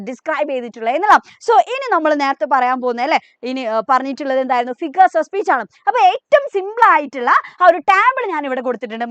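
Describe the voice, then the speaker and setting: A woman's voice: high voice, a bit bright, no room sound, lo-fi sound. A woman teacher, giving an exam revision lesson, asking questions and answering them herself, mixing in English terms.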